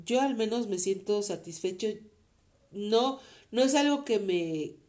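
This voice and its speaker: A woman's voice: medium pitch, animated, unhurried, a little mellow. A woman with a Mexican accent, a mother talking with her son in an interview, earnest and faith-filled, rambling with many fillers. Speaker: interview guest, mother of the host. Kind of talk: casual heartfelt conversation.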